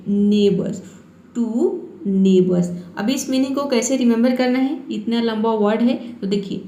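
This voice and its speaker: Woman English tutor, higher voice, patient and repetitive, roomy echo. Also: a little mellow. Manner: patient, repetitive, asks and answers her own questions. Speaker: English teacher. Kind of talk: Hindi-language English lesson.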